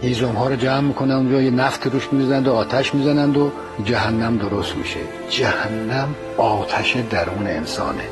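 A man in the middle of a religious sermon names point after point in a declamatory voice. His pitch sits at an ordinary middle level. Music plays clearly behind him. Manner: listing, declamatory.

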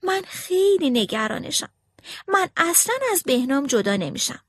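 A worried, devoted myna bird from a storybook calls out in a high, fretful voice, as a woman reads her part. The voice swoops with lively pitch and sits dry and close. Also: no room sound. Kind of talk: storybook character voice.

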